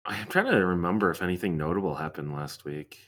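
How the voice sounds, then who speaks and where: A man's voice: low-pitched, fast talker, fairly bright tone. A man co-hosting a podcast in casual chat, mostly giving brief replies and asking short follow-up questions. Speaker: podcast co-host.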